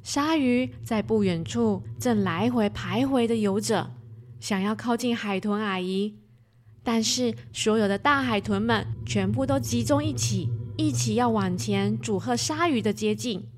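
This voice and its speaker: High-voiced woman telling a children's story. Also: a little slow. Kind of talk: expressive children's story narration.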